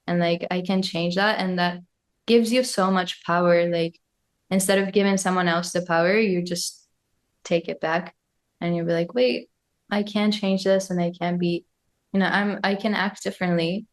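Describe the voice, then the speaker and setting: A young woman from Argentina talks as a podcast guest in an easy, casual way, working through her thoughts aloud with plenty of fillers. Her voice sits fairly low and stays even, with little rise and fall. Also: normal speed. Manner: reflective, thinks aloud with frequent fillers. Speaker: guest musician.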